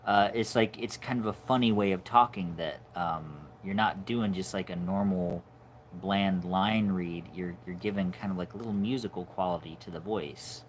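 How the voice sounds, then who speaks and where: A man in his forties chatting casually on a livestream, musing in a halting way and trailing off softly at times. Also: low voice, slight background noise. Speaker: animator hosting a livestream.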